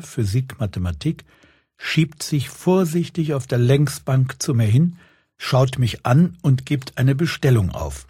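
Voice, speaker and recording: Husky man in sober narration. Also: medium pitch, mellow, no echo, studio quality. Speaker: narrator of his own reportage. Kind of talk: scripted first-person narration.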